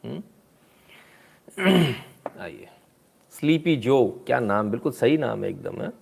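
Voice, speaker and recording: A man giving casual, sarcastic live commentary, with mocking asides and frequent throat clearing. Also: mid-range voice, lively intonation, slow pace, darkish tone. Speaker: political commentator.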